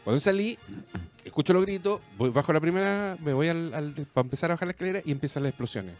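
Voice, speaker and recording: A Chilean man tells a friend a story in casual chat, with a somewhat high voice. He stumbles, restarts and drops slang as he goes. Faint music sits in the background. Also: lively intonation. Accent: Chilean Spanish. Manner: breathless, halting storytelling full of slang and restarts.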